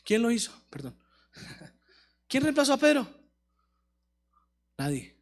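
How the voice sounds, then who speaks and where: A male pastor preaching a sermon, rising to shouted peaks and mimicking whiny excuses in a softer voice. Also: very high-pitched, big pitch swings, takes it slowly.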